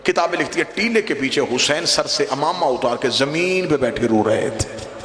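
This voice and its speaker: A man's voice: fairly high pitch, lively intonation, moderate pace, a bit bright. A man reciting a mourning sermon, telling a story in an impassioned, lamenting voice that swells into chant-like cries. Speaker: religious orator. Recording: echoey hall, long reverb.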